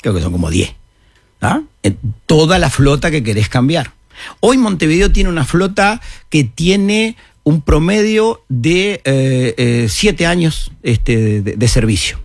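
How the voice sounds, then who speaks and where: Animated older Uruguayan man, husky. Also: fairly high pitch, measured pace, no echo, studio quality. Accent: Uruguayan Spanish. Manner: explanatory, animated, folksy asides. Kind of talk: radio talk-show discussion.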